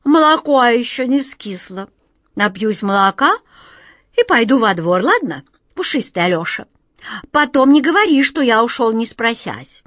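A woman voicing a chatty, cheeky pet tomcat in a storybook reading, sounding carefree, higher and louder than her narration. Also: big pitch swings, moderate pace, dry recording, studio quality.

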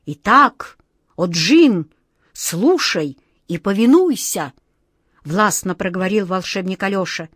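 Brief: a woman playing a young storybook wizard, stern and commanding, trying to keep calm, dry booth sound. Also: mid-range voice, measured pace, no room sound. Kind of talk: audiobook reading.

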